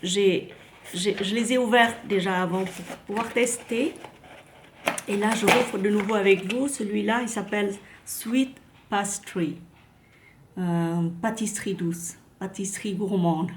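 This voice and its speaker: A woman's voice: medium pitch, fairly even intonation, unhurried, background noise. A woman chatting casually to camera about perfumes, talking with many fillers and restarts. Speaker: vlogger reviewing perfumes.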